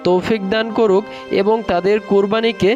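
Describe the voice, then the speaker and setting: A narrator telling a cartoon story in a slow, solemn manner. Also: medium pitch, steady tone, darkish tone, lo-fi sound, faint music behind.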